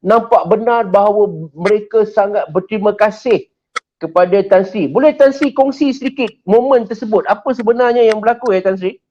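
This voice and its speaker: High-voiced Malaysian male interviewer, lo-fi. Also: brisk, darkish tone, slight background noise. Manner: stumbling, wordy phrasing. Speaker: interview host. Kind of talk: interview questions. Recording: dull lo-fi sound.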